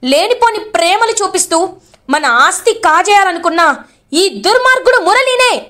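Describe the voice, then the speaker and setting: A woman voicing an emotional young man who accuses his brother-in-law, speaking in fast, pleading bursts. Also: extremely high pitch, animated, pushed and bright, voice pushed up, heavily acted. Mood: angry.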